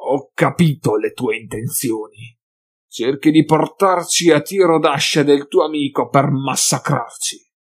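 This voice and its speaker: A man's voice: fairly high pitch, a little slow. A man voicing a sly, suspicious male mutant pack leader who taunts his enemies in an emphatic, sneering way. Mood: taunting.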